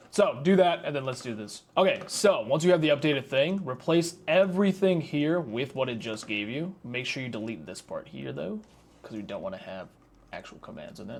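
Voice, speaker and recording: A young man talks his way through a software setup in a loose, casual tutorial. His speech is slangy and chatty, full of joking asides at his own expense, as he explains each step while he clicks along. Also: medium pitch, a little hiss or hum. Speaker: tech tutorial host. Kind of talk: casual screen-recorded tutorial.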